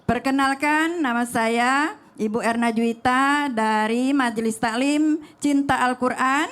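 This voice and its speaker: A woman's voice: sits high, unhurried, a bit bright. A woman from South Sumatra asking a polite, somewhat hesitant question of a cleric. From South Sumatra, Indonesia. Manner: hesitant, polite, some restarts. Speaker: audience member asking a question.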